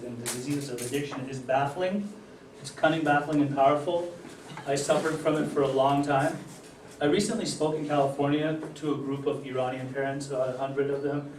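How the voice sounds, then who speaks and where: A middle-aged man born in Germany and raised in Utah, giving an earnest personal recovery testimony with many fillers and pauses. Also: mid-range voice, fairly even intonation, background noise. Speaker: recovery speaker. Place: event hall. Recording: echoey hall, distant mic.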